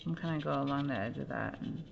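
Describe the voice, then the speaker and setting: A woman's voice: very deep voice, quick pace, vocal fry. A young adult woman giving a casual drawing demonstration, explaining each step as she works, with many fillers. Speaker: art teacher. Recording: muffled lo-fi audio, faint room noise.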